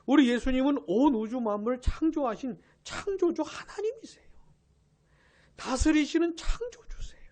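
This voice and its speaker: Animated high-voiced woman preaching. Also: moderate pace, a little hiss or hum. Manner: animated storytelling, asking the congregation questions and answering them; drops to a hush for emphasis, then rises again. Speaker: pastor. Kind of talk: New Year's Eve sermon.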